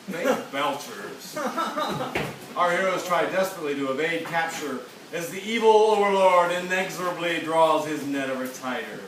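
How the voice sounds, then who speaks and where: A hammy old-time serial announcer. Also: male voice, sits high, pushed and bright. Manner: theatrical, sponsor-plugging announcer delivery. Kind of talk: 1940s radio serial announcing. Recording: echoey theatre from far off, noisy.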